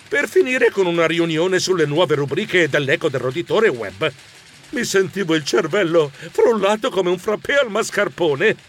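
A man narrating a children's story in a theatrical, comic way. His voice sits fairly high and leaps all over the place, full of exclamations. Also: fairly bright tone, a little hiss or hum. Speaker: audiobook narrator. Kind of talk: scripted first-person narration.

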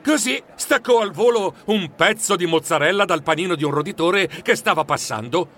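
A man narrating a children's audiobook in the first person as a fussy mouse editor, expressive and storytelling. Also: sits high, moderate pace.

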